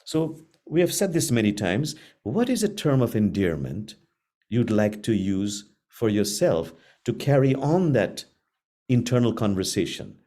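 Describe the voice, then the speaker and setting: A middle-aged man leads a spiritual class in a mellow, warm voice. His pitch rises and falls in a lively way, and he talks slowly and earnestly, repeating phrases with long pauses between them. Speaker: spiritual teacher. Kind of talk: gentle spiritual class talk.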